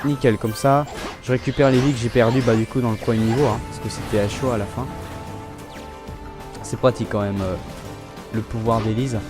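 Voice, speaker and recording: A young man hosting a let's play, talking casually about his gameplay in a relaxed, chatty way and often restarting his sentences. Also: medium pitch, brisk, pauses often, over music.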